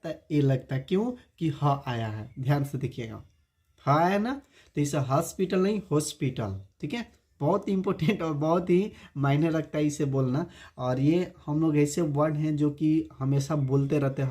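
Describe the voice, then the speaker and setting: Spelling out words one letter at a time, a man teaches spoken English online and quizzes his viewers with repeated rhetorical questions. He has a slightly high voice with a dark tone.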